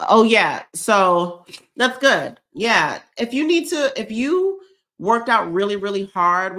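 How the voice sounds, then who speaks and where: A woman's voice: lowish voice, fairly bright tone. A woman, chatting casually and emotionally to viewers on a live stream while reading their comments. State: teary. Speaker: vlogger hosting a live stream.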